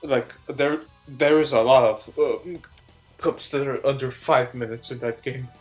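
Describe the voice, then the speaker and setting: A man's voice: medium pitch, a little slow, soft background music. Hiccuping man rambling on a stream. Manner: rambling, slurred-sounding delivery. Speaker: streamer hosting a game showcase. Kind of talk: casual live-stream chat.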